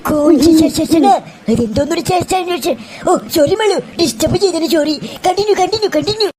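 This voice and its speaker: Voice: extremely high pitch, a little fast, slight background noise. Someone doing a cheeky mocking cartoon schoolboy. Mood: sarcastic. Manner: teasing, mocking. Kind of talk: comic fan dub of a cartoon. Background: loud music.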